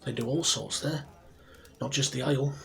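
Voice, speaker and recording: This roleplay performer uses a gravelly mid-range voice to portray a proud, friendly barkeep in a fantasy ASMR tavern scene, with soft music and tavern sounds behind him. His delivery is soft, breathy, and often close to a whisper, gentle and chatty as he rambles slowly with pauses.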